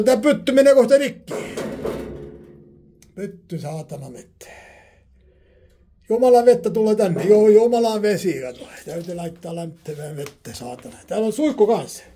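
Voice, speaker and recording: A man's voice: high voice, mellow, slightly rough. A man heating a sauna and talking to himself, rambling, repeating himself and swearing often. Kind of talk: rambling casual monologue.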